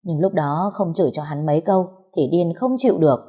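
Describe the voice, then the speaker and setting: A young woman narrating a first-person romance story in a calm, wry way. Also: low voice, fairly quick, breathy edge. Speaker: audiobook narrator.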